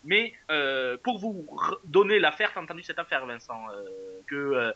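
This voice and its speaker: Male co-host, casual podcast chat, hesitant and filler-heavy, bright and fairly high, dry lo-fi sound. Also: lively intonation, moderate pace, dry recording. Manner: hesitant, many fillers and restarts. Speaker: wrestling show co-host.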